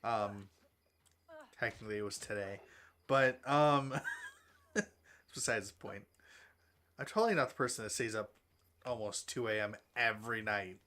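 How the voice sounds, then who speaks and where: A man with a bright, forceful voice chats casually on a stream. He rambles and corrects himself mid-thought. He sounds sleepy and yawns between remarks. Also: on the low side, moderate pace, long pauses. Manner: rambling, self-correcting, chatty. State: yawning, sleepy. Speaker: streamer with an avatar model.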